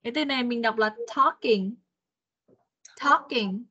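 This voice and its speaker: A woman English teacher on an online class call, explaining patiently and drilling words slowly. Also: sits high, sharp tone. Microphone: computer mic on video call. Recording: dull, lo-fi video call audio.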